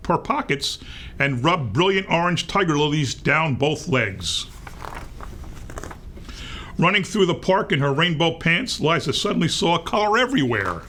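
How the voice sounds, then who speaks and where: A man reading a picture book aloud to young children in an expressive read-aloud manner. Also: fairly high pitch. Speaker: storybook reader.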